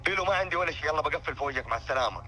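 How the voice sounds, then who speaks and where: A man's voice: on the high side, racing, bright, forceful tone. A man with a Saudi Arabic accent bantering casually in an exasperated, questioning way.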